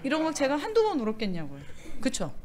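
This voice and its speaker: Animated woman teaching at a church seminar. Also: fairly high pitch, brisk, very noisy. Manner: animated, acts out quoted voices and crying; questions the audience often. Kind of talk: lively seminar talk, sermon-like. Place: church seminar room, in front of an audience.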